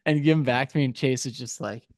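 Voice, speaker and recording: A podcast co-host telling a story in casual chat, animated and full of "like" and "dude.". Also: male voice, medium pitch, fast, no echo, clean studio sound.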